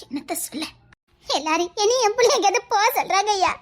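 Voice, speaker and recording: Someone doing Kothambari, a shrill wailing village aunt. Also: brisk, pushed and bright, heavily acted. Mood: fake wailing. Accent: Tirunelveli Tamil. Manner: melodramatic wailing, sly asides. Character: scheming middle-aged aunt Kothambari, wailing fake tears. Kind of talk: comedy skit acting.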